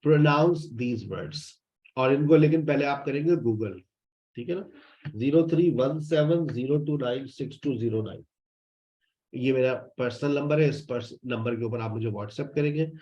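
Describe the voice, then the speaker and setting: A man's voice: mid-range voice, normal speed, warm tone. A man teaching a spoken English class, drilling phrases over and over and speaking to his students in a fatherly way. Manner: repeats phrases to drill students, fatherly, addresses them as "beta". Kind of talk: online class explanation. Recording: roomy, dull lo-fi sound.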